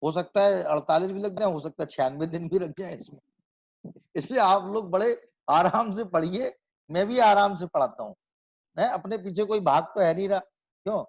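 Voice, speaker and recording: High-voiced man teaching a hymn class. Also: normal speed, gravelly. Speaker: religious teacher. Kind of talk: group class on recitation and meaning of a hymn.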